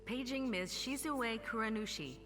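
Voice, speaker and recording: A woman voicing a hospital paging announcer, heard as a calm, polite announcement over a loudspeaker. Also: fairly high pitch, moderate pace, over music. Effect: soft public address announcement over a loudspeaker. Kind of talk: video game voice acting.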